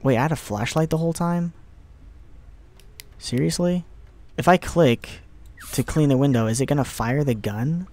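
Excitable young man playing a horror game. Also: a little high, moderate pace, long pauses. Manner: excitable, swears and mutters to himself. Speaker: let's play gamer. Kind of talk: casual horror game commentary.

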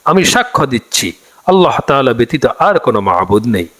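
Guy teaching prayers, slow careful recitation, voice goes way up and down. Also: mid-range voice, very animated, fairly bright tone. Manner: slow, deliberate recitation of prayers, then plain explanation. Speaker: religious teacher. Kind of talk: instructional religious lesson.

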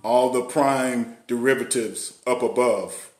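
A man doing a deadpan, mock-solemn action-hero parody, speaking in clipped, robotic phrases. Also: medium pitch, takes it slowly. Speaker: comedic fitness vlogger. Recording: roomy echo with loud music.

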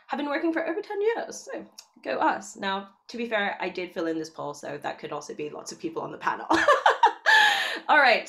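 A woman's voice: mid-range voice, fairly bright tone. A young adult woman moderating an online panel over a video call, upbeat and chatty, often laughing. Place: home room, indoors.

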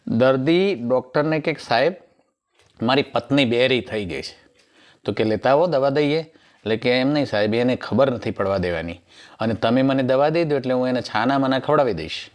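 Rustic man telling jokes. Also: medium pitch. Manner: rustic storyteller, acts out each joke character. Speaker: comedian. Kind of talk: stand-up joke telling.

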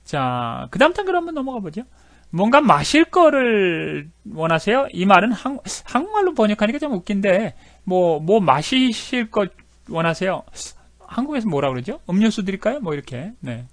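A middle-aged man explains English phrases in a chatty, filler-heavy way. His voice sits high and swings in lively pitch. The sound is dry and close. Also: moderate pace, no room sound. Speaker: English teacher. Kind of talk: explaining lesson with video clips.

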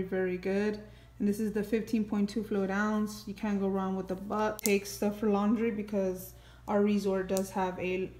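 Casual mom vlogger, thirties, mid-pitched, filler-heavy chat, echoey room. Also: female voice, a little mellow. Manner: chatty, many ums and likes. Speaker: family vlogger. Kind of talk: casual haul video. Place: home kitchen, indoors.

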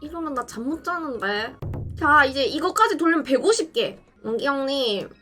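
Excitable synthetic woman gamer voice. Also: sits high, normal speed, soft background music. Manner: excitable, dramatic outbursts and pleading. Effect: text-to-speech voice. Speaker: game streamer. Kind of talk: gameplay commentary.

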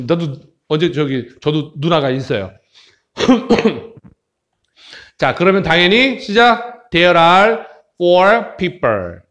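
A man who teaches English to children in a playful, joking way, mixing explanation with slow English phrases. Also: fairly high pitch. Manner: playful, jokey, switches between Korean explanation and slow English. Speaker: English tutor. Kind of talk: animated English lesson for children.

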